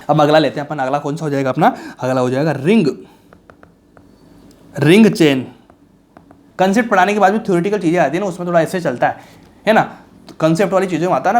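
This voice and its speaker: A young man teaching chemistry for an entrance exam in a casual, colloquial lecture, asking himself questions and answering them, reassuring his students. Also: on the high side. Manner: colloquial, reassuring, calls students bhaiya and raja.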